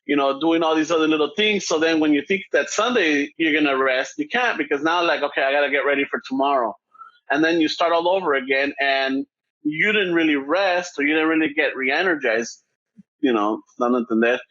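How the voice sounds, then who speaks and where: Animated man, lo-fi recording. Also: a little high, fairly quick. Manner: rambling, animated storytelling with profanity. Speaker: podcast co-host. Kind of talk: casual chat, switching between English and Spanish. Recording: dull lo-fi sound.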